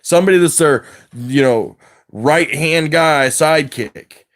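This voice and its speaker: A man's voice: on the high side, unhurried, a bit bright. A man on a livestream rant, agitated and wired, rambling from thought to thought and swearing a lot. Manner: swears heavily.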